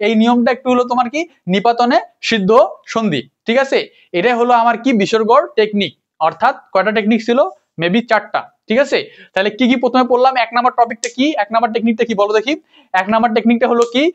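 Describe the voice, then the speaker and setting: High-voiced man tutoring grammar. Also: fast talker. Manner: repeats words and asks rhetorical questions; self-correcting, apologizes for slips. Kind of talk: informal classroom lesson, addressing students. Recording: dull lo-fi recording.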